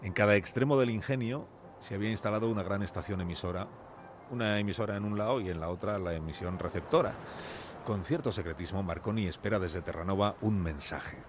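A man with a Castilian Spanish accent narrates a scripted radio story dramatically and deliberately, using short, suspenseful phrases. His voice is lowish, and there is background noise.

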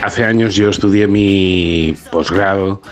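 A man calling in to a radio show, telling an anecdote in an unhurried way with pauses. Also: sits low. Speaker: caller.

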